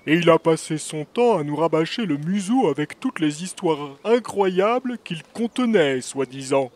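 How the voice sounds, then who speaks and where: A man voicing a big, casual, evasive male moose with a deep, drawling voice in a children's audio story. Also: expressive, normal speed, a little mellow, natural voice. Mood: easygoing.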